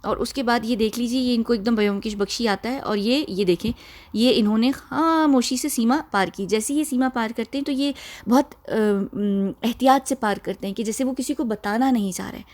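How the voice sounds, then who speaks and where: A woman explaining a music video scene by scene in a casual, halting way, often urging viewers to look closely. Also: on the high side, darkish tone. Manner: conversational with frequent fillers and restarts. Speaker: video commentator.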